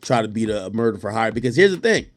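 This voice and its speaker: A man's voice: on the low side, very animated, quick pace. A man in a casual online audio chat, explaining a legal situation step by step with frequent restarts. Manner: explains step by step, many restarts, laughs easily. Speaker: commentator.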